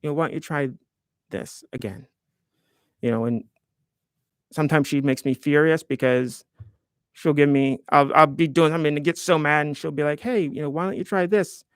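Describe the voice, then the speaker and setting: A man's voice: on the high side, fairly quick, clean tone, no room sound, clean studio sound. A man in his fifties hosting a live stream, chatting casually and in a rambling, self-deprecating way while reading viewer comments aloud. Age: 50s.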